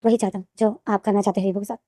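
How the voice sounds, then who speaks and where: A woman's voice: mid-range voice, flat delivery, very fast, warm tone, no echo, clean studio sound, lightly acted. A woman voicing a stern middle-aged father who scolds his son.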